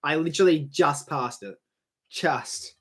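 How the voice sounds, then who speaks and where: A young Australian man calling a football match on a live stream, chatty and rambling, swearing freely and getting louder on goals. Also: on the high side, unhurried, husky.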